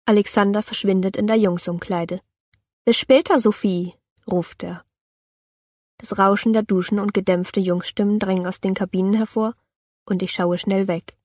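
A woman reading a first-person storybook as narrator, calm and even. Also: mid-range voice, fairly quick, no room sound, clean studio sound.

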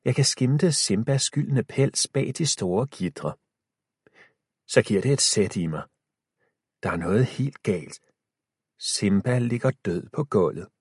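A man reads a children's adventure aloud, lively in pitch and quickening or slowing with the suspense. His voice is low and husky, recorded close and dry. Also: dry recording. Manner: expressive, shifting pace with the tension. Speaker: audiobook narrator. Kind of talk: scripted storybook narration.

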